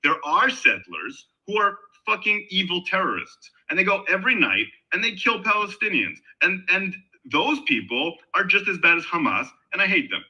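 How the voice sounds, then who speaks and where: A middle-aged man from Israel, talking in a casual online debate in an animated, emphatic way with frequent restarts. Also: high-pitched, moderate pace, hardly any pauses, rough recording. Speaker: guest in an online discussion. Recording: voice call on a discussion server.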